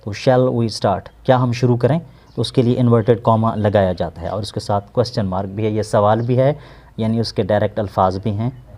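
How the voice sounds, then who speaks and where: Male tutor, mellow tone, methodical word-by-word teaching. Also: fairly low pitch, steady tone. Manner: patient, repeats and glosses each word slowly. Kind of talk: explaining an English textbook lesson.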